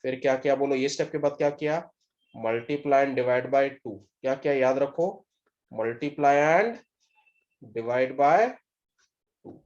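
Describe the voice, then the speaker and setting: A man leads a math lesson in a classroom, speaking slowly and deliberately. He keeps pressing his students with quick repeated questions, mixing phrases into his talk. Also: mid-range voice, darkish tone, dull audio. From India. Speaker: math teacher. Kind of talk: classroom lecture.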